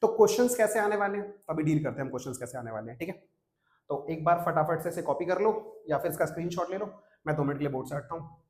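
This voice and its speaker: A young man teaching a maths class at a whiteboard, brisk and coaxing, often checking that students follow. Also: on the high side, animated, a little mellow. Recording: echoey classroom.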